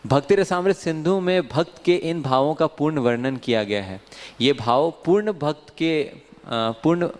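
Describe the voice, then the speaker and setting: A man reading a scripture commentary aloud in a measured, formal way. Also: on the high side, animated, darkish tone. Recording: reverberant hall.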